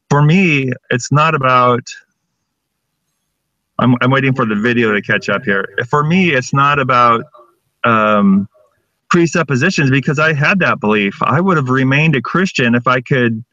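A middle-aged man arguing steadily over a video call, laying out one point after another. His voice is mid-pitched, and the audio sounds slightly dull, with a dry feel and no room echo. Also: sharp tone. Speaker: atheist debater. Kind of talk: casual debate.

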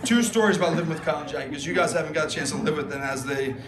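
Rapid-fire and fairly high-pitched, a young man gives a best man's wedding toast into a handheld mic, rambling with fillers and jokes. Guests laugh in the background of the large wedding tent, where the recording is echoey and noisy.

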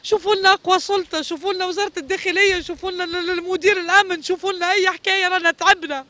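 A woman's voice: very high voice, fairly even intonation, rapid-fire, sharp tone, no echo. A middle-aged woman with a Tunisian Arabic accent giving a pleading street interview, repeating her phrases over and over. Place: street outdoors.

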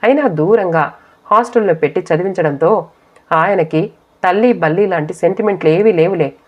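A woman's voice: fairly low pitch, normal speed, close to an everyday voice. A woman voicing a fiery, protective young married daughter who speaks in heated outbursts. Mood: indignant. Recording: dull lo-fi audio.

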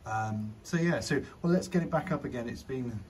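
A drone reviewer gives an informal demo commentary outdoors on a garden patio in the rain, thinking aloud with some hesitation. His medium-pitched voice is expressive and a little mellow, at a normal speed. Background noise is clearly audible in this outdoor recording.

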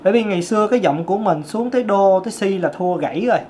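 A man's voice: sits high, racing. A man with a Southern Vietnamese accent and a tenor voice, teaching a singing lesson as a vocal coach. He explains emphatically and repeats key points.

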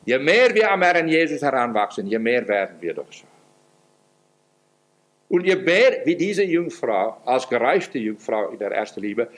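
A male pastor delivers a sermon in a slightly high voice. He preaches earnestly and lets his pitch and loudness rise and fall widely as he drives his points home. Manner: acts out quoted prayers in a pleading voice.

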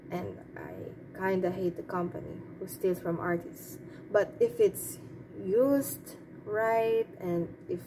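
A woman giving her opinions in a casual, off-the-cuff monologue, hesitant and rambling as she thinks aloud. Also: fairly low pitch. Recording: clearly noisy background.

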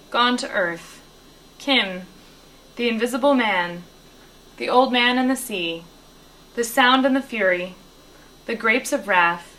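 A woman's voice: slight background noise, rough recording. Woman reading a children's story aloud. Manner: lively storytelling, lifting her pitch for dialogue. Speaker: reader.

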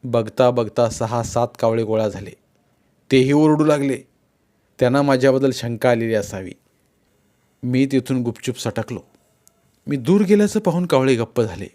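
A man reading a children's story aloud in an expressive storytelling manner, voicing characters and animal calls. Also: mid-range voice, normal speed, pauses often.

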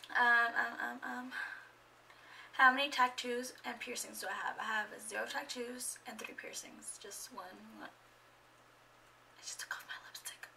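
A woman's voice: a little high, level tone, measured pace, creaky, bright, forceful tone, far from the mic, a little hiss or hum, rough recording. A young woman in her twenties chatting casually in a get-to-know-me vlog at home, rambling and a bit awkward, full of fillers. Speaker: vlogger. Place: at home indoors. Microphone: camera microphone.

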